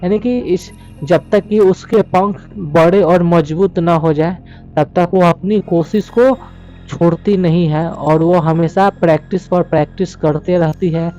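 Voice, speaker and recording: A man teaching a poem, explaining it line by line and reading the English lines very slowly. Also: on the high side, steady tone, warm tone, dull audio, soft background music. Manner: explains slowly, repeats "yani ki" often.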